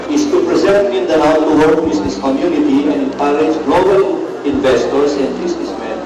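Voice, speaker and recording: A man moderating a conference, formal and deliberate, presenting a draft and asking for consent. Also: fairly high pitch, very noisy. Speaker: summit moderator. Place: large hotel function hall. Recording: echoey hall heard from far off.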